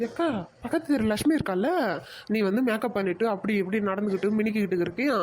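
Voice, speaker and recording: A woman's voice: medium pitch, fast talker, a little mellow, slight background noise, natural voice. A woman voicing a scheming village girl in a cartoon comedy, who talks sweetly to others and mutters her schemes aside. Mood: gossiping. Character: scheming village girl Nettavalli, sly troublemaker.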